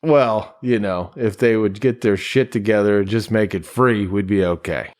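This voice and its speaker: A man's voice: fairly low pitch, moderate pace, darkish tone. A man co-hosting a podcast in casual chat, wry and joking, swearing freely. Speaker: podcast co-host. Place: home, separate from co-host.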